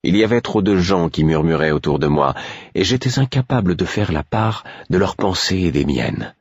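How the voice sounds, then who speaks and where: Low, husky male narrator, measured storytelling, dull dry audiobook sound. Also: animated, no echo. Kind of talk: first-person novel narration.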